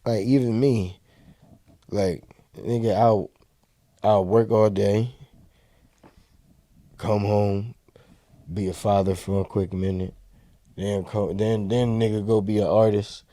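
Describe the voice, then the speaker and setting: A man in his late twenties co-hosting a podcast, talking casually in loose slang and getting animated when he jokes. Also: fairly low pitch, takes it slowly, pauses often, no room sound. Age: 20s. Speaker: podcast co-host. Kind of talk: casual chat.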